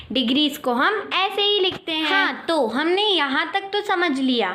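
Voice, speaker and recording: A young woman explaining maths in a friendly, playful way, reading definitions slowly. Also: high-pitched, sharp tone. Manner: friendly and playful, slow careful English definitions. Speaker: maths teacher. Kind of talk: chatty classroom explanation.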